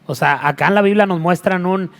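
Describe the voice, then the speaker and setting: Animated preacher, higher voice. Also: male voice, fairly quick, vocal fry, soft background music. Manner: animated storytelling with joking asides. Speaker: apostle and pastor. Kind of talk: sermon.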